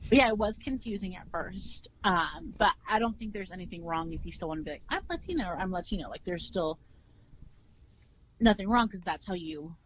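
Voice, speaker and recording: A young woman from California talking as a podcast guest in animated, chatty casual conversation, full of fillers. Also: lowish voice, brisk, slight background noise, low-quality recording. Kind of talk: casual chat.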